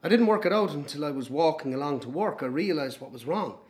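An actor playing a haunted man, reflecting in a hushed, halting dramatic monologue. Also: a little high, animated, lightly acted.

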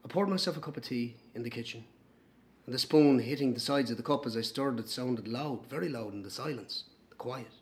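An actor playing a haunted man, reflecting in a hushed, halting dramatic monologue. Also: mid-range voice, natural voice.

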